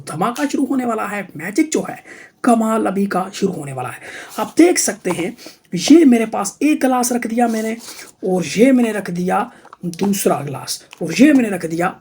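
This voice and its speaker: A man with a husky voice demonstrates magic tricks to camera in the hyping, repetitive showman patter of a kids' party magician. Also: high-pitched, a little mellow. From Pakistan.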